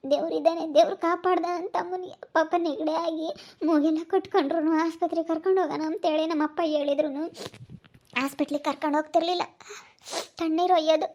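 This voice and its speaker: A woman's voice: very high voice, warm tone. A woman playing a grieving, motherless young woman who tearfully accuses her aunt in a rural family drama, in a muffled lo-fi recording. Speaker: village family drama actress.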